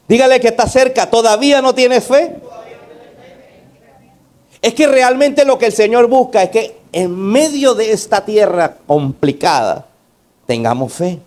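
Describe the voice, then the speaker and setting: Pastor guy preaching, high voice, lots of questions to the church, goes loud then low. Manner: preaching with rhetorical questions and call-outs to the congregation; emphatic, varying between raised and low delivery. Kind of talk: sermon.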